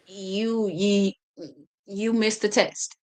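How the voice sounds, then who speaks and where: A woman's voice: mid-range voice, flat delivery, very slow, a little mellow. A woman hosting a podcast, chatting casually, talking a lot and often stumbling and restarting her sentences. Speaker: podcast host.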